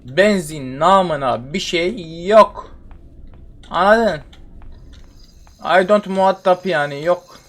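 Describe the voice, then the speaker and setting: Playing a horror game on stream, a young man speaks slowly in a high-pitched, slightly bright voice with long pauses. His commentary is casual and exasperated, full of repetition and muttered complaints.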